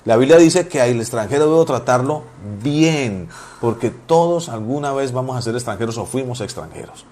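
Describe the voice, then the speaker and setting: A man's voice: mid-range voice, expressive, moderate pace, darkish tone, a little hiss or hum. A man, preaching informally as a pastor, telling personal stories and repeating phrases for emphasis.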